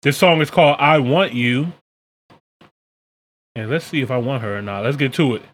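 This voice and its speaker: A man's voice: mid-range voice, moderate pace. An American man hosting a podcast, chatting casually in a colloquial, slangy way. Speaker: podcast and reaction video host. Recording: clear background noise.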